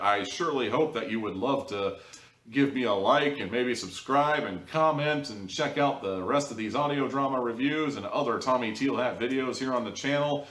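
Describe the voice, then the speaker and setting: This video host's voice sits at a medium pitch with a touch of brightness as he delivers an offhand, opinionated audio drama review, dry and sarcastic with plenty of jokes. He's distant from the microphone, and the room adds noticeable echo.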